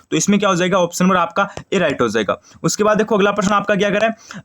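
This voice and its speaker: A young man from Rajasthan, teaching an online exam-prep lesson and drilling questions and answers rapidly, repeating each answer. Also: sits high, fairly bright tone. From Shekhawati, Rajasthan.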